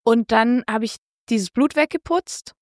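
A woman telling a story in casual chat, animated and a little crude, quoting herself in a raised voice. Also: fairly high pitch, a little slow, no room sound, clean studio sound. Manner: lively, casual, swears, quotes herself with raised voice. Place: Switzerland.

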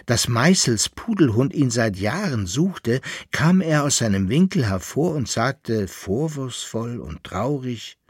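A man reading a story aloud in a measured narrating manner. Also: mid-range voice, animated, husky, no echo, clean studio sound. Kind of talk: audiobook narration.

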